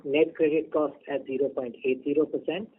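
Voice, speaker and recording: Man on a conference call, steady measured reading of figures, tinny phone line, faint hiss. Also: on the high side. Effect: conference call over a phone line. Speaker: bank executive presenting results. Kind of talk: reading prepared earnings remarks.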